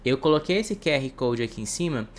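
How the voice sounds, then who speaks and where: A man with a Brazilian Portuguese accent, teaching an English lesson and translating each example. He reads the English phrases slowly and with care. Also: mid-range voice, lively intonation, slight background noise. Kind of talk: explanatory online lesson.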